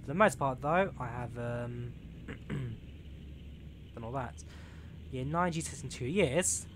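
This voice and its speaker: Speaking slowly at a medium pitch with a fairly bright tone, a roughly twenty-year-old from England plays a train simulator on a live stream. He rambles, reads chat out loud, and leans heavily on fillers. The game's engine and rail sounds come through clearly in the background.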